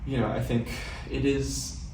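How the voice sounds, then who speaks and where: A man acting as a troubled male client in a therapy role-play, hesitant and searching for words. The recording is echoey and distant, with clear background noise. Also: medium pitch, steady tone. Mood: earnest, searching. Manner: hesitant, searching, many hedging pauses. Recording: echoey room, distant mic, noisy background.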